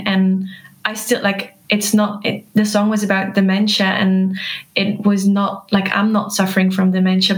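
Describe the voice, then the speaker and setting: A young Belgian woman, a musician appearing as a guest, speaks English as a second language after her native Dutch. Her mid-range voice comes across soft and hesitant in this casual interview, and she often breaks into laughter.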